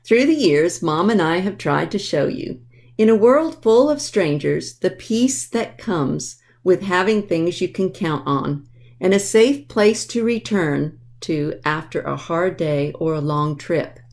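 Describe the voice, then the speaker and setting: A woman with a lowish, creaky, somewhat dark voice reads a picture book aloud to children at a library storytime. She's animated but keeps a measured pace, explaining things simply and speaking directly to her young listeners.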